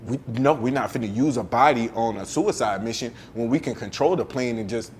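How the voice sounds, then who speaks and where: A man, a military veteran, arguing in a casual heated debate, animated and repeating words when cut off. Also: mid-range voice, fairly quick, a little hiss or hum. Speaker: podcast guest, military veteran.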